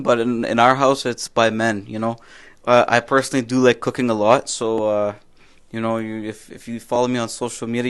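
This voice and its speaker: Smooth and medium-pitched, this young man from Canada co-hosts a laid-back podcast. He comes across as friendly, often repeating himself and starting sentences over.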